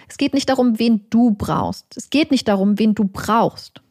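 A woman's voice: fairly low pitch, sing-song, normal speed, darkish tone, husky, no echo, studio quality, full character voice. A woman voicing the quoted lines of a desperate, frightened young woman who pleads. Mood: pleading.

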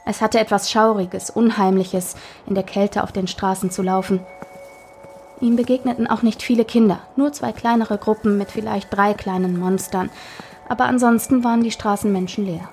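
A woman narrating a scripted spooky Halloween story in a measured storytelling manner. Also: mid-range voice, steady tone, darkish tone, a little hiss or hum.

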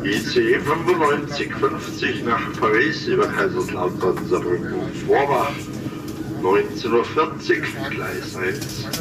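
A male train conductor making routine, measured stop announcements over the train's intercom loudspeaker, recorded inside a moving train. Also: fairly low pitch, animated. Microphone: handheld recording of the loudspeaker. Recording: echoey, distant loudspeaker capture with loud noise.

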